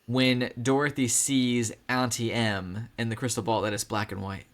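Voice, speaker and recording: A man's voice: medium pitch, flat delivery, moderate pace. A man co-hosting a casual movie podcast, talking in a loose, rambling way with restarts and repeated words. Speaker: podcast co-host.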